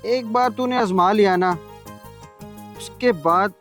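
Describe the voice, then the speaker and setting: A man's voice: high voice, slow pace, fairly bright tone, soft background music. A man playing a coaxing pushy friend. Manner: coaxing, persuasive. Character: smooth-talking friend, pushy tempter.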